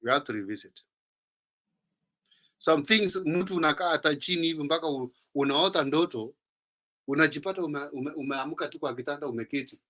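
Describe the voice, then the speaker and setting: A Kenyan man leads a casual panel discussion in a bright, forceful voice. He talks in an animated way and slips between English and Swahili. His pitch sits a little high for a man. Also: fairly quick. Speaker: talk show host.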